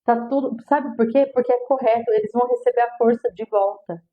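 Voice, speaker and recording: Woman coaching, high voice. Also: fairly even intonation, a little fast, narrow, tinny audio, a little hiss or hum. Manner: warm coaching, rhetorical questions, repeats phrases. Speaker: family constellation teacher. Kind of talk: teaching talk to an audience.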